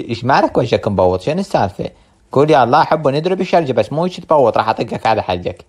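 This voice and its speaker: A man's voice: mid-range voice, sing-song, racing, darkish tone, breathy edge. A man with an Iraqi Arabic accent doing teasing, colloquial comedy banter.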